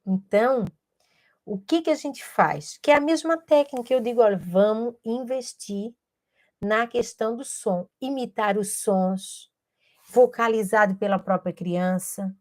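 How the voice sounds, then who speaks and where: A woman's voice: a little high, unhurried, a little mellow. A woman educator, patiently explaining a teaching method to camera and modelling speech sounds aloud.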